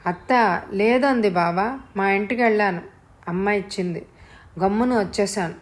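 A woman voicing a lively, teasing young village girl with a childlike, pleading way of talking. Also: medium pitch, moderate pace, natural voice.

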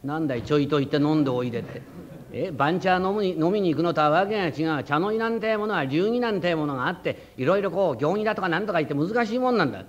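A proud, hot-headed tofu shop owner who barks and blusters in rough old-town speech, as a man acts him out in rakugo. His voice sits fairly high and carries force. The old recording is dull and muffled. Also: expressive, quick pace, lightly acted. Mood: blustering. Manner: loud, rough, hot-tempered Edo-style talk. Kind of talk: rakugo storytelling.

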